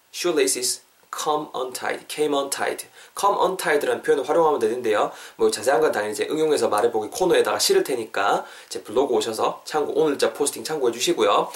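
A man hosting a casual English lesson podcast, lively and playful, acting out little everyday scenes. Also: mid-range voice. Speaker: English teacher and podcast host. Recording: voice a bit far from the mic.

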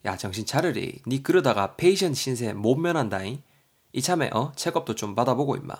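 A man voicing a blunt young man with a Gyeongsang dialect accent, roughly scolding his friend in a vocabulary lesson story. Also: medium pitch, expressive, a little fast. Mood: nagging.

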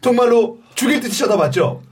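A man hosting a talk show, introducing a guest with brisk teasing remarks. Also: very high-pitched, animated. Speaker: host. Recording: noisy, mic at a distance.

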